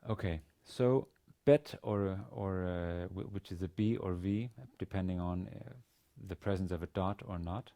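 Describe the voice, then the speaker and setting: A Danish language teacher in his forties lectures from an indoor studio with a plain grey backdrop. His very low, mellow voice carries vocal fry, and his delivery is halting and hesitant. He often repeats small words as he explains.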